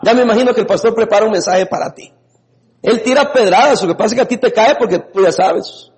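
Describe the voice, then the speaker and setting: A man preaching a lively sermon as a pastor, laughing now and then and breaking into sudden shouts. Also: high voice, fast talker. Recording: long reverb in a hall.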